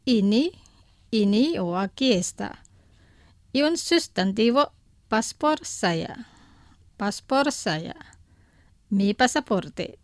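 A woman's voice: mid-range voice, dry recording. A woman presenting a radio language lesson, reading from a script and carefully saying each phrase twice so that listeners can repeat it.

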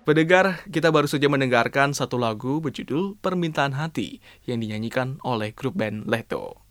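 A man's voice: medium pitch, animated, moderate pace, fairly bright tone, a little hiss or hum. A man with an Indonesian accent presenting scripted radio news in a formal announcer delivery, stressing the openings of phrases. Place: radio studio.

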